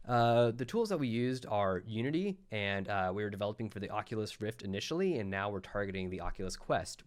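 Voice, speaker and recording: Male presenter, slightly low voice, explanatory conference delivery with frequent fillers. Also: darkish tone. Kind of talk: recorded conference talk.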